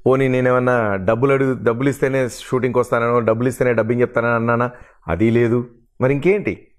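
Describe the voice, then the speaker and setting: A man's voice: mid-range voice, fairly even intonation, quick pace. A middle-aged man, a mimicry artist and actor, talking earnestly and with hurt feelings in an interview, listing the roles he has played. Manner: earnest, aggrieved, lists his roles at length. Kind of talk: emotional interview talk.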